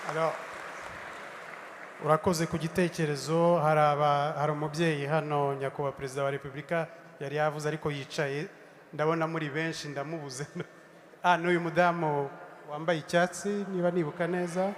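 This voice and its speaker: Flat-voiced male moderator in a hall. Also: on the high side, brisk, slight background noise. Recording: echoey hall with faint crowd ambience.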